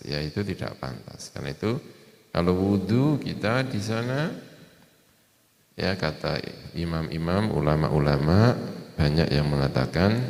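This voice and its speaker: A man preaching to a congregation, repeating key phrases and softening them with gentle asides. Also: a bass voice, creaky. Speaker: Islamic preacher. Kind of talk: sermon. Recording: echoey hall recording.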